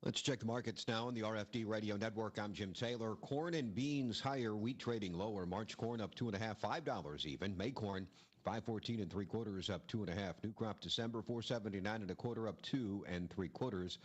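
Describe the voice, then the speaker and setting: A man's voice: fairly low pitch, a little fast. An American man reading stock prices as a farm market reporter, in a clipped, scripted radio rundown of figures.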